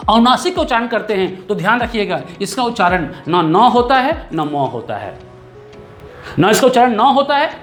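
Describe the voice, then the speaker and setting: A man's voice: high-pitched, a bit bright. A man teaching a grammar lesson, explaining patiently, repeating key terms and checking in with the class. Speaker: Hindi teacher.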